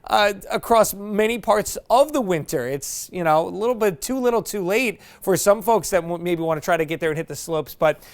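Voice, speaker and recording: A man's voice: sits high, animated, moderate pace, hardly any pauses. A man presenting a TV weather forecast in a chatty, folksy way with casual asides. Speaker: meteorologist.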